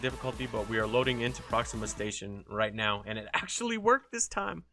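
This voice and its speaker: Bright-voiced chatty male game caster. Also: mid-range voice, animated, brisk, faint music behind. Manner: loose and chatty, swears freely. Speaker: esports caster. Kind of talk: casual live game commentary.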